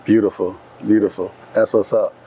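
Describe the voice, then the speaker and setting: A man hosts a relaxed interview in an upbeat, encouraging way. He speaks informally, with slangy affirmations and easygoing questions. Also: fairly low pitch, moderate pace, slightly rough, low-quality recording. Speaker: podcast host. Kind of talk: casual interview chat.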